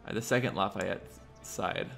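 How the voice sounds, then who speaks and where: Laying out roads in a city-building game, this livestreamer keeps hiccuping as he mutters plans and talks to his chat. He speaks at normal speed in a creaky, fairly bright voice on the low side, while faint music plays behind.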